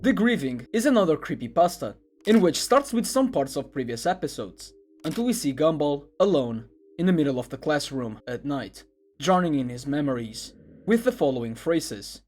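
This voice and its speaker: A man with a fairly high, sing-song voice and a darkish tone reads scripted internet video essay narration at a moderate pace. Background music plays beneath his voice.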